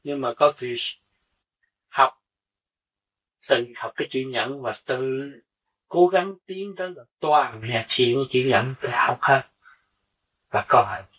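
A man delivers an earnest spiritual sermon, teaching through rhetorical questions. His voice is husky and sits at an ordinary pitch. It sounds captured from well away from the mic on a dull, lo-fi recording. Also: expressive, slow pace, long pauses, fairly bright tone, recorded from a distance.

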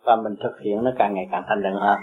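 A man's voice: lowish voice, steady tone, quick pace, breathy edge, narrow, tinny audio. A man giving a blunt, emphatic Buddhist talk to his followers, coaxing and scolding them by turns. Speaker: Buddhist teacher.

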